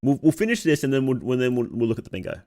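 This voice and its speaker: Mid-range in pitch but swinging widely, a little mellow and very fast, a man's voice reads on-screen text during a relaxed stream, reacting to it and thinking out loud.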